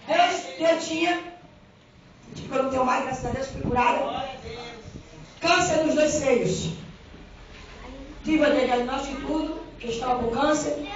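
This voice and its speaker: A Brazilian woman preacher giving a fervent sermon, swinging from quiet talk to shouts, heard from far off in a church hall. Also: sits high. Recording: echoey hall from far off, dull with crowd.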